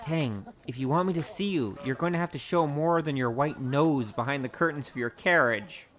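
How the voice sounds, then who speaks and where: A male actor with a slightly high, fairly bright voice plays a roguish, boastful storyteller in a comic audio drama, speaking at a moderate pace. The performance is lightly acted, with a grandiose, theatrical manner and a sardonic mood, portraying a wry, poor adventurer. Music plays in the background.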